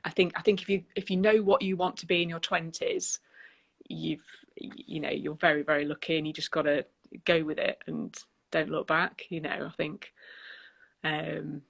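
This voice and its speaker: A middle-aged woman talks on a laptop webcam call from a room at home. Her voice is gravelly and flat, with little melody. She speaks softly, trailing off and leaning on "you know". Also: low voice, normal speed. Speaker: guest, wedding business owner. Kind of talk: casual video-call chat. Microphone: laptop webcam on a video call.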